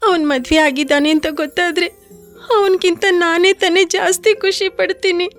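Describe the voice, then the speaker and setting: A woman's voice: very high-pitched, fairly even intonation, moderate pace, fairly bright tone, soft background music. A woman dubbing a frightened young orphan woman who talks tearfully and pleads in a film. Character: frightened young woman, orphan, weeping over her brother. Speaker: dubbing actor. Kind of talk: dubbed film dialogue.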